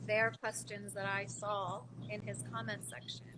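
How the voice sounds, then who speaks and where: A woman's voice: mid-range voice, level tone, a little slow. Chatty woman host, noisy background. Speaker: podcast host. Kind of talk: conversational interviewing.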